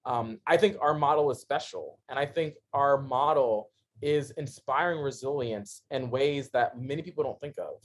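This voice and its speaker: Frequent laughter marks this casual podcast interview, where a man in his thirties tells his story, veering between excitement and quiet earnestness. His mid-range voice runs at a normal speed into a podcast microphone.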